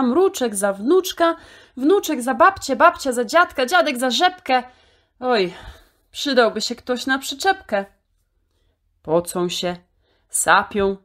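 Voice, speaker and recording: In a mid-range voice, a woman storyteller recites a children's poem with expressive, theatrical flair, drawing out the key words.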